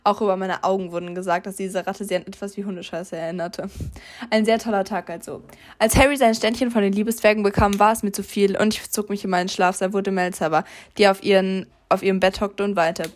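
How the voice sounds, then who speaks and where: A young woman reading her own fan fiction aloud, rushing and often tripping over words and correcting herself. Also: mid-range voice, steady tone. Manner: rushed reading with frequent slips and self-corrections.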